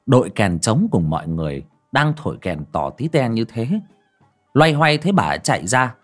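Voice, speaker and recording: A man narrates a horror audiobook with suspense. His voice is husky and breathy. His pitch swings widely from line to line. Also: very animated, normal speed, faint music behind. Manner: dramatic, suspenseful storytelling.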